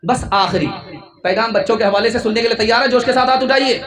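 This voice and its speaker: A man preaches a sermon at a religious gathering in an unusually high voice. He talks in a fervent, rhetorical way and calls on his listeners to raise their hands. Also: a bit bright. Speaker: maulana preacher.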